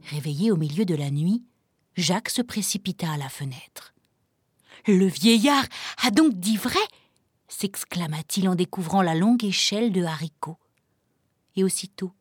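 Woman storyteller, fairy tale reading, lively rising and falling pitch, dry close sound. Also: dry recording.

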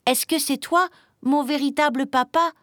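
A woman voicing a small, lonely green chick who pleads eagerly in a high voice. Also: fairly even intonation, normal speed, a bit bright, dry recording, studio quality. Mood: pleading.

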